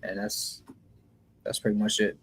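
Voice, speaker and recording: A man's voice: fairly low pitch, completely flat delivery, measured pace, breathy edge, low-quality recording. A man on a roundtable podcast, casually listing what he's been listening to with many ums. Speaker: podcast co-host.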